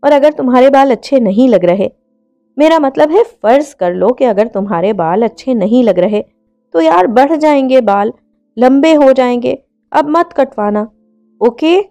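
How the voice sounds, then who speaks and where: A woman's voice: high-pitched, lively intonation, a little slow, dark tone, faint music behind. A woman voicing an impatient young man. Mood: placating. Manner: scolding, exasperated. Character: hot-tempered young man, impatient fiancé.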